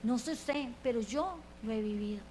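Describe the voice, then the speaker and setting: A woman's voice: moderate pace, darkish tone, slight background noise, low-quality recording. A woman preaching a sermon, acting out quoted characters and asking the congregation direct questions. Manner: impassioned, acts out quoted characters with rising pitch.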